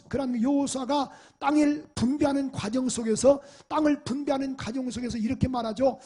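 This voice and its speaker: A man preaching in a church in a high voice with a gravelly, rough edge. He asks the congregation question after question and drives his points home with emphasis. His tone stays husky and a little breathy throughout. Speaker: pastor. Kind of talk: sermon. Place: church sanctuary.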